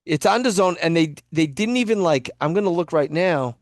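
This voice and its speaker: A man's voice: a little high, animated, fairly quick, dry recording, clean studio sound. A man co-hosting a podcast, rambling and laughing through casual boxing talk. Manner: laughing, rambling, stop-start. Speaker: podcast co-host.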